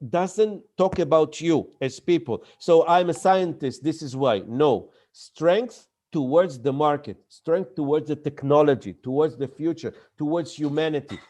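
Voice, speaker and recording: A man for whom English is not his gives an emphatic lecture on startup pitching, repeating key words and acting out examples. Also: mellow.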